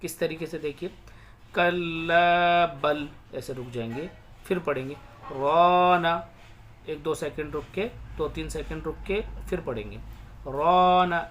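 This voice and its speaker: A man teaching Quran reading. He explains the rules briskly, then chants each verse slowly, syllable by syllable. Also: fairly high pitch, darkish tone, a little hiss or hum.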